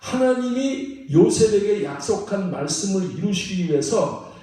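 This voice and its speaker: A man's voice: high-pitched, expressive, measured pace, warm tone. A man preaching a sermon as pastor, asking the congregation questions and repeating phrases for emphasis. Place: church sanctuary. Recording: echoey sanctuary from far off.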